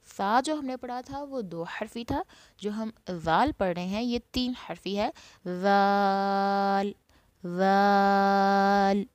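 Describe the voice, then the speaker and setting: A woman's voice: a little high, animated, no room sound. Woman teaching letters, dry close voice. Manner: patient explanation, voicing each letter slowly and loudly as an example. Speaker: Quran recitation teacher. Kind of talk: recorded online lesson.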